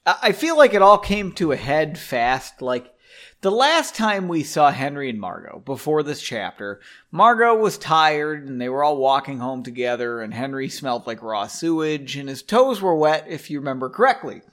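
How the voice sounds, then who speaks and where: A young man reads a novel aloud and keeps breaking off for loose, self-deprecating asides with casual swearing. His voice sits a little high for a man, and his pitch jumps around with a lot of energy. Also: big pitch swings, moderate pace, a bit bright. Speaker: podcast host reading a novel aloud. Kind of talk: book reading with casual commentary.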